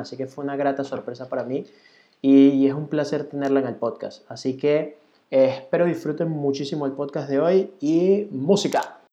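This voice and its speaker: A man hosting a casual interview podcast, relaxed and friendly, with frequent "eh" and "ok". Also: medium pitch. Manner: relaxed, friendly, uses filler "eh" and "ok". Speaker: podcast host. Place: Barcelona.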